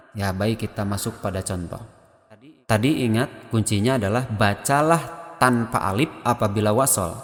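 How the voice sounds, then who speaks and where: Man teaching tajwid in a long-reverb room. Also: lowish voice. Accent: Indonesian. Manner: explains step by step, chants Quran verses as examples. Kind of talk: Quran recitation lesson.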